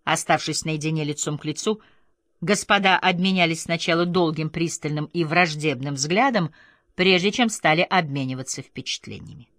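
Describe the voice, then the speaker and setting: A woman reading a classic novel aloud as an audiobook narrator, with an expressive, theatrical delivery. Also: sits low, normal speed, no echo, studio quality. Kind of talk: scripted literary narration.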